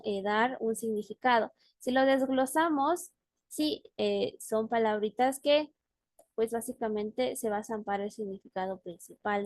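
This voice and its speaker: On a video call, a woman teaches a language class, patiently explaining words and checking in with her student often. Her voice sits on the high side, and the recording is dry.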